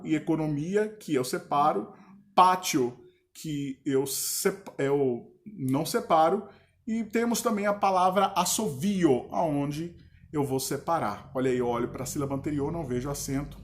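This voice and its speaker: A male teacher with a Brazilian Portuguese accent, giving a casual grammar lesson and checking in with his students often. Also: fairly high pitch. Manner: relaxed, chatty, checks in with the class often.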